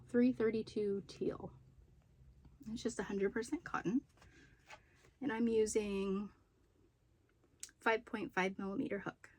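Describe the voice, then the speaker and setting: A woman vlogger chatting casually as she shows her craft projects, slightly out of breath after being sick and pausing to recall details. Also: medium pitch, no room sound. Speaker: crochet and knitting vlogger. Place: room at home with poor lighting.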